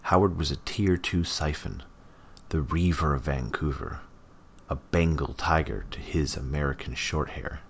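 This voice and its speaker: A man narrating an audiobook in a measured, even way. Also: very deep voice, vocal fry, slight background noise.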